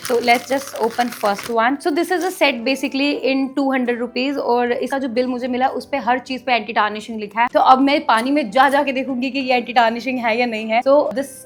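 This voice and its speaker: A woman's voice: sits high, steady tone, moderate pace, few pauses. Gushing young woman with an Indian accent. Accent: Indian English. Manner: gushing, mixes Hindi and English. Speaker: vlogger. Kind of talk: casual haul video.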